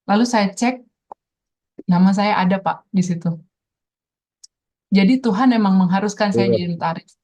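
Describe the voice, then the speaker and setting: A woman's voice: mid-range voice, normal speed, pauses often, warm tone. A middle-aged woman giving an earnest personal testimony in an interview, telling her story to the host and often addressing him directly.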